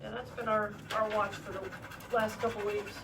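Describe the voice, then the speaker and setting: A woman's voice: mid-range voice, little pitch movement, moderate pace. A woman co-hosting a painting demo, bantering in an easygoing way. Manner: easygoing, laughs along. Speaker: co-host. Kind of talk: casual banter. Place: paint room. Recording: distant mic, clear background noise.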